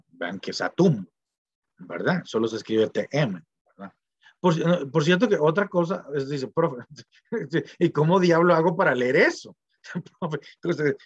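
A man's voice: fairly high pitch, fairly bright tone, slightly rough, dry recording. Chatty male professor. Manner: chatty, digressive, tag questions and fillers. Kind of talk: informal university lecture. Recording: dull, dry lo-fi lecture audio.

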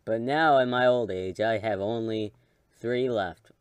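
A man reading out a weary old male professor in a fan-made game, in a slow, tired voice. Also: on the low side, clear, resonant tone, no room sound, close to an everyday voice.

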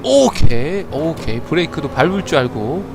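A man streams a game with a playful, chatty voice that stammers and repeats itself. He talks high and lively, then bursts into loud flustered shouts. Car and game noise run clearly behind him. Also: normal speed. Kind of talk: live game commentary with chat.

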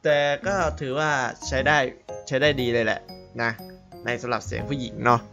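A man's voice: medium pitch, moderate pace, vocal fry, lo-fi sound, over music. A man hosting a gaming channel, chatting casually while he plays, rambling, laughing and swearing now and then. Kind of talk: casual gameplay commentary.

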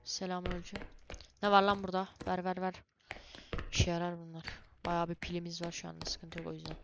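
A young woman doing let's-play commentary on a horror game, excitable and cursing, yelling at the monsters. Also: fairly low pitch, quick pace, vocal fry, noisy background. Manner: excitable, swears and yells at monsters. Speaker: gamer playing a horror game.

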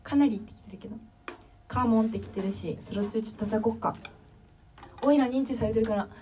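A woman's voice: fairly high pitch, fast, mellow, recorded from a distance, slight background noise. A young woman with a Kansai accent chatting casually on a livestream, reading viewer comments and thanking fans one by one. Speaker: drummer livestreamer.

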